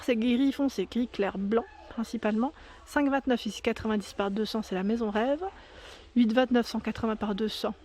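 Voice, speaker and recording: A woman's voice: fairly high pitch, darkish tone. A woman filming a casual walkthrough of a store, reading out prices, sizes and labels with small fillers and self-corrections. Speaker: shopping vlogger. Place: inside a large discount store.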